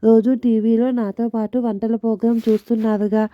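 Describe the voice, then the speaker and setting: A woman voicing an excited, bossy middle-aged wife who chides her husband in a storybook tale. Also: on the high side, moderate pace, dry recording, natural voice. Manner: chiding, eager. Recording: dull lo-fi dry recording.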